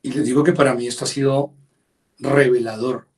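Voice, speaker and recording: A male pastor preaching a sermon, quoting scripture and acting out the voices with expressive emphasis. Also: medium pitch, fairly quick, recorded from a distance. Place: church service livestream.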